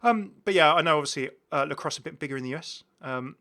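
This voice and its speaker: This British man hosts a gaming video with a fairly high, bright, pushed voice and a fast pace. His commentary is casual and eager, wandering along as he keeps correcting himself.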